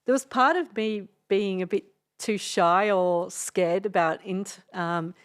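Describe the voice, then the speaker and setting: A woman's voice: medium pitch, takes it slowly, clean tone. A middle-aged Australian woman, a DJ and radio host, telling a story in a casual podcast interview, rambling with frequent hesitations and laughs.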